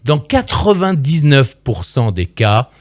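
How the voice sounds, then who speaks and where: Animated, playful male voice-over coach. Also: medium pitch, slow, dry recording. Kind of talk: direct-to-camera advice lesson.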